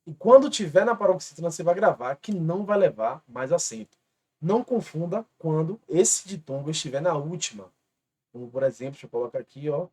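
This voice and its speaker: A man's voice: a little high, expressive, a little fast, a little mellow, husky. Patient Brazilian male grammar teacher. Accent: Brazilian Portuguese. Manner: patient, spells out rules step by step. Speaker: exam-prep teacher. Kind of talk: online grammar lesson.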